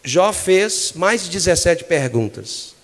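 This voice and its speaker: Pastor with a very high voice in an echoey hall. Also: male voice, sing-song, slow. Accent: Brazilian Portuguese. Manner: passionate preaching, swings from low and hushed to loud shouting. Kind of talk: sermon.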